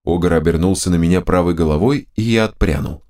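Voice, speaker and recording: A man narrating a first-person fantasy audiobook with expressive storytelling. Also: sits low, brisk.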